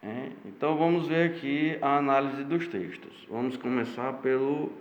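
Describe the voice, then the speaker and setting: A man's voice: mid-range voice, over music. A male teacher with a Brazilian Portuguese accent from Ceará, giving a remote lesson and explaining each point patiently, often checking in with "né?". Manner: slow, patient, explains step by step with frequent "né?". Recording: echoey room, dull lo-fi sound.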